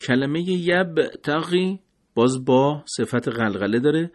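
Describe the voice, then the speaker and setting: Patient Persian man teaching recitation. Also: a little high. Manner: patient, slows down to model Arabic words. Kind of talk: tajwid lesson explaining letter articulation.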